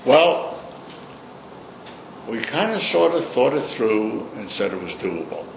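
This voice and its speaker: A man's voice: mid-range voice, sing-song, normal speed. An older man with a Brooklyn accent telling his stories informally in an interview, in a blunt, salty, opinionated way. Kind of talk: informal storytelling in a recorded interview. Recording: echoey room, clear background noise.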